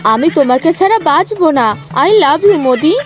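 A woman's voice: sits high, animated, a little slow, soft background music. A woman voicing a lovestruck, pleading village woman in a comic cartoon.

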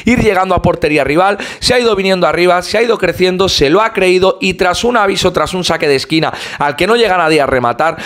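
A man hosting his fan channel, giving a fluent, opinionated match recap and analysis as a voice-over, with occasional "eh" pauses. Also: high voice, a bit bright.

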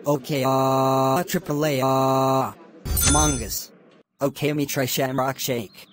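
A man's voice: mid-range voice, steady tone, takes it slowly, a little hiss or hum, natural voice. A man voicing a dim-witted male customer who talks in broken caveman grammar, in a comedy skit. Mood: goofy.

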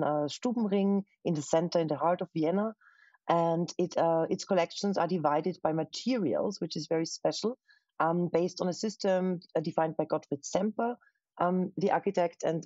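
A woman's voice: fairly low pitch, dark tone, no room sound, highs cut off. A woman from Austria, a museum curator, answering interview questions thoughtfully from her living room over a video call. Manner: thoughtful, pauses with fillers. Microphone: webcam on a video call.

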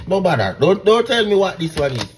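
Jamaican guy trying food on camera, kinda high voice, jokey and chatty with viewers. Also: sing-song, a little fast, slight background noise. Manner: playful, chatty, addresses viewers directly. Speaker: food tasting video host. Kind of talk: casual comic food-tasting commentary.

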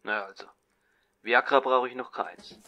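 A man's voice: mid-range voice, fairly even intonation, measured pace, gravelly. A man talking spontaneously over the phone in a skeptical, sardonic way. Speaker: politician receiving a prank call. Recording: phone call with faint noise.

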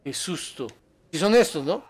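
Excitable high-voiced gamer man. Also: moderate pace, breathy edge. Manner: excitable, yelps and laughs at danger, chats with viewers. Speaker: gaming streamer. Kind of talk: live gameplay commentary.

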